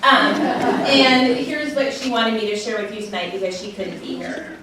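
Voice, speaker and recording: A young woman speaking at a charity concert, close to tears, halting with ums and nervous laughs. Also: medium pitch. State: close to crying. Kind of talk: emotional speech to a live audience. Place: concert hall. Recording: echoey hall, distant mic, room noise.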